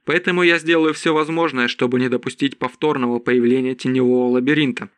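A man reading aloud and voicing a serious male mage in a measured tone. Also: medium pitch, fairly even intonation, a bit bright, smooth, no room sound, close to an everyday voice. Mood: grave. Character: grave male mage, scholarly and calm.

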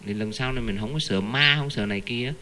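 A man giving an informal Buddhist dharma talk, telling stories with animated, earnest emphasis. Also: mid-range voice, quick pace. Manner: animated, earnest storyteller who keeps repeating the Buddha's name. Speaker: Buddhist lay teacher.

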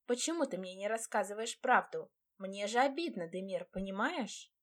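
A woman voicing a quick-tempered young bride who answers with sharp, indignant retorts. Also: medium pitch, lively intonation, close to an everyday voice. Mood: hurt.

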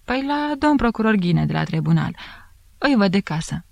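A woman voicing a young peasant servant woman who wails and protests in loud country speech. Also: medium pitch, big pitch swings, creaky, no echo, pitched above the performer's own voice. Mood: guarded.

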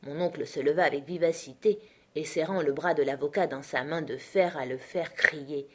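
Une femme qui lit un roman classique d'un ton posé et narratif. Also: female voice, low voice, normal speed, a little mellow, breathy edge. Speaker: audiobook reader. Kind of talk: literary narration.

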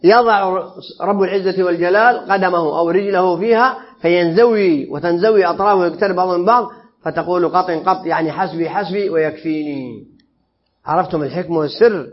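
A man with a fairly high voice teaches a classroom religious lesson. He explains each phrase and keeps checking his listeners with quick questions. The recording sounds dull and lo-fi. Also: fairly even intonation. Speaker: Islamic creed teacher.

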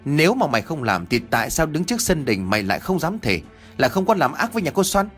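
A man voicing a gruff village man who harshly accuses and scolds. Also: medium pitch, very animated, fast, faint music behind, pitched above the performer's own voice, natural voice. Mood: angry. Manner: blunt, scolding.

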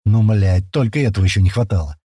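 A man voicing an exasperated man yelling about a dead car battery, in an audiobook. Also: fairly low pitch, quick pace, breathy edge, dry recording, studio quality. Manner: loud, exasperated shouting. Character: exasperated man shouting from a jeep.

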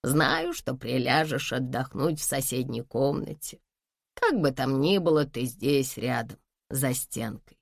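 Elderly mother, read by a woman: tender, fretful, unhurried, low-voiced audiobook read. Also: creaky, no room sound, clean studio sound, exaggerated voice. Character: elderly mother, gentle, worried, wise. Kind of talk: audiobook dialogue.

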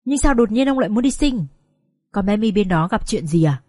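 A woman voicing a brash, blunt male friend who talks quickly and with exasperation, in a storybook reading. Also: medium pitch, expressive, darkish tone, no room sound, clean studio sound, lightly acted. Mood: exasperated.

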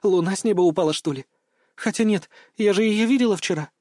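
A man voicing a chatty, cheeky teenage schoolgirl who teases with rapid-fire questions in an audiobook. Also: sits high, darkish tone, no echo, studio quality, pitched above the performer's own voice, lightly acted. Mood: playful.

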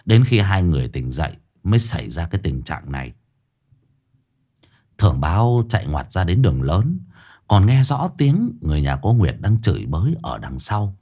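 A man narrating a humorous ghost story in a brisk, lively storytelling manner. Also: deep voice.

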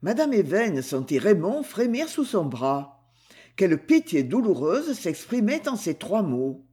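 A man reading a novel aloud as an audiobook narrator, with a husky voice and lively storytelling. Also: high-pitched, measured pace. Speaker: audiobook reader.

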